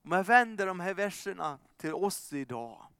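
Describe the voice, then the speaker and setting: A man delivers a fervent sermon in a high, smooth and resonant voice. He swings from ringing calls down to soft, hushed asides, and the sound is close and dry. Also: sing-song, no echo. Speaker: preacher.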